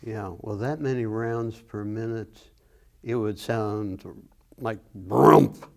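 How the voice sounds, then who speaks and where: Male interviewer, lowish voice, attentive and conversational, giving short prompts. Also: fairly even intonation, slow, dark tone. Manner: attentive, brief prompts and musings. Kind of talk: conversational oral history interview.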